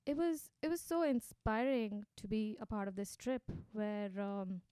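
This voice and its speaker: Speaking unhurriedly in a clean, mid-range voice, this Indian woman in her thirties, Hindi her native language and with an Indian accent, warmly and animatedly shares her story as a guest on a radio interview. There's no room sound.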